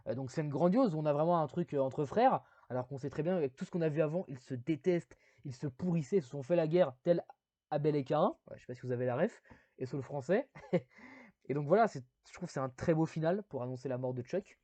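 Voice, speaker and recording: A man's voice: a little high, fast, warm tone, no room sound. A man giving a casual spoken video review, rambling with many fillers and self-deprecating asides.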